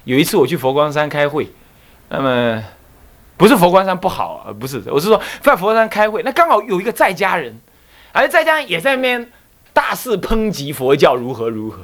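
Male Buddhist abbot, dharma talk, emphatic storyteller, animated pitch. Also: brisk. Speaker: Buddhist monk and temple abbot. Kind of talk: dharma lecture with anecdotes.

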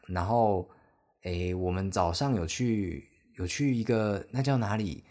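A man's voice: lowish voice, measured pace, warm tone. A young man with a Taiwanese Mandarin accent hosting a solo podcast, telling a travel story in a rambling, self-deprecating, chatty way. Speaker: podcast host.

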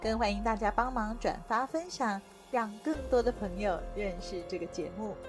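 A woman's voice: medium pitch, normal speed, over music. Woman narrating a story. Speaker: podcast storyteller.

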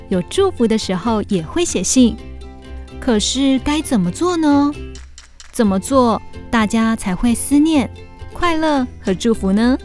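Narrating a children's audio story, a woman with a fairly high voice gives a scripted, expressive storytelling delivery. Music plays in the background.

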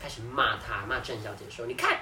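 A woman's voice: rumbling low, a little fast, crowd noise. A young woman, telling a story in casual podcast chat with lots of laughter. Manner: animated storytelling, laughs often. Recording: echoey room, distant mic, background noise.

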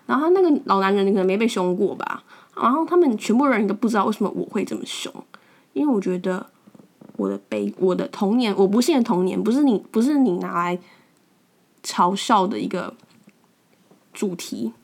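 A woman's voice: medium pitch, sing-song, fairly quick, darkish tone. A young woman with a Taiwanese Mandarin accent, hosting a podcast and telling stories in a frank, blunt way, often repeating words as she restarts. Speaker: podcast host. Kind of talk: casual storytelling monologue.

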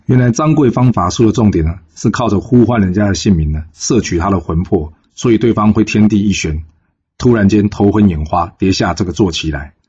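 A man casually narrating a classic folk tale in a relaxed, filler-heavy way. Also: lowish voice, breathy edge, dull audio. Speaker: storyteller.

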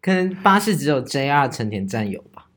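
A woman's voice: rumbling low, sing-song, a little fast. A woman, co-hosting a podcast, chiming in with dry teasing quips and blunt swearing. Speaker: podcast co-host. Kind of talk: casual chat.

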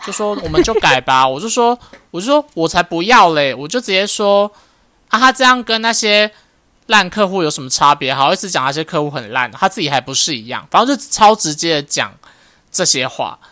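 Woman, 20s, Taiwanese Mandarin accent, bright tense voice, dry close sound, blunt animated storytelling. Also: on the low side, fairly quick, no echo. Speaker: podcast co-host. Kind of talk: casual chat.

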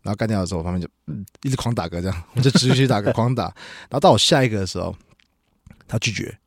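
A young man with a Taiwanese Mandarin accent tells a story at a rapid clip in a fairly low voice. He is animated and laughs often, acting out the people in his tale. His voice is close and dry on a studio mic. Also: gravelly, slightly rough, dry recording. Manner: animated, laughing storyteller who acts out quotes. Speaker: podcast host. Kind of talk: casual storytelling chat. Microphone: studio microphone.

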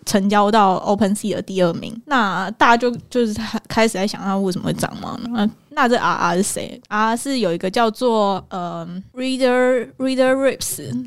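A woman with a Taiwanese Mandarin accent co-hosting a podcast, explaining at length in casual chat with many fillers and restarts. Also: medium pitch. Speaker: podcast co-host.

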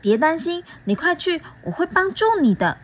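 Kind little bee in a kids story, high and gentle, lady doing the voice. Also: expressive, normal speed. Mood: reassuring. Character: small kind helpful bee. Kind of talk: storybook read-aloud.

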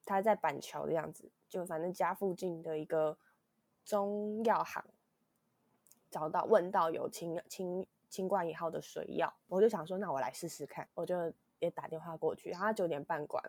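A woman's voice: on the low side, steady tone, moderate pace, a little mellow, no room sound. A young woman with a Taiwanese Mandarin accent, a podcast host, tells a rambling story in a weak voice from illness, full of restarts. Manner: rambling, with many restarts, acting out quotes. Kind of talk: casual chat storytelling.

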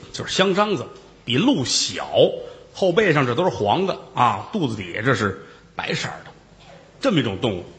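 A man telling a traditional story in a comic style, with lively jokey asides to the listeners. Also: a little high, big-room sound.

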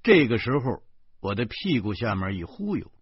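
A man's voice: fairly low pitch, very animated, normal speed, husky, no room sound. A man with a Beijing accent reading a first-person novel aloud, animatedly acting out the dialogue. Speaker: audiobook narrator. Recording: dry dull lo-fi recording.

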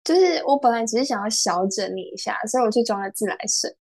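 Giggly young woman, slightly high voice. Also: quick pace. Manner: giggly, animated storytelling. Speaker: guest. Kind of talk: casual chat.

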